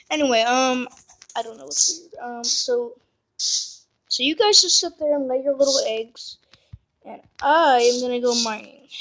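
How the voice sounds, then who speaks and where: A woman's voice: high voice, a bit bright, rough recording. A woman giving casual, rambling commentary on her game and coaxing the animals in it, recorded on a phone mic. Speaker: gameplay vlogger.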